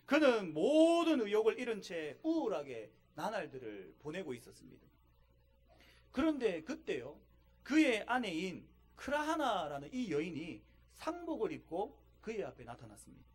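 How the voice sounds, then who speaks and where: A man preaching from the pulpit in a strikingly high voice. His pitch swings widely as he presses rhetorical questions on the congregation. He builds each point to an emphatic peak. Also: wildly swooping pitch, moderate pace. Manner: emphatic, rising to stress key lines. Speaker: pastor. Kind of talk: sermon.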